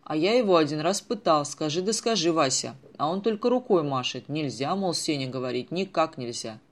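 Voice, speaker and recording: A man voicing a self-important, folksy small-town drinker who talks loudly. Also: fairly high pitch, expressive, fairly quick, lightly acted.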